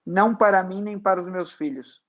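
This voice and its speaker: A grieving, desperate father, played by a man in a dramatized book reading. His voice rises high and pleads. The tone is raw and urgent. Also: a little fast, muffled recording, natural voice. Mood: anguished, questioning. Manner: raised, pleading voice.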